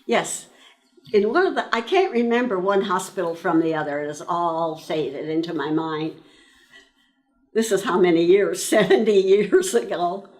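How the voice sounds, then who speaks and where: A woman in her nineties from eastern Pennsylvania, slowly recalling her years as an army nurse in an interview, pausing often between phrases. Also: fairly low pitch, a little mellow. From eastern Pennsylvania, USA. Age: 90s. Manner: slow, reflective storytelling with frequent pauses. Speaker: interviewee, World War II army nurse veteran. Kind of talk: reminiscing in an oral-history interview.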